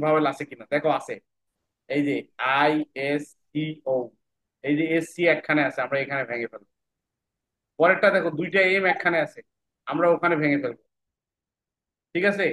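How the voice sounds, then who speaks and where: Slow-spelling man teaching English words. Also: sits high, fairly bright tone, poor audio. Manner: spells words letter by letter, then repeats them slowly; checks in often with "right?". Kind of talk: spelling and syllable lesson for children.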